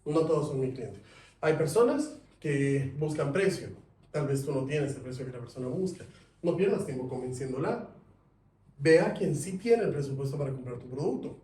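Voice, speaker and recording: A man teaching a sales class, lively, asking his students questions. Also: medium pitch, moderate pace. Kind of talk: classroom lecture. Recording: echoey room, mic at a distance.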